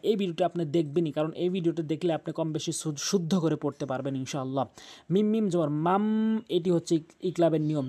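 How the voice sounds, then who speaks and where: A man with a fairly high-pitched, dark-toned voice gives a tajweed lesson over a screen drawing, teaching the rules of Quran recitation. He patiently repeats each rule, spells out letters, and drawls the recited Arabic words.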